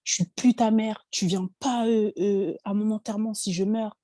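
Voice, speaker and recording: A woman's voice: mid-range voice, fairly even intonation, normal speed, warm tone, no room sound, clean studio sound, natural voice. A woman voicing her angry mother, who scolds and disowns her daughter in a raised voice. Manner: scolding, cold.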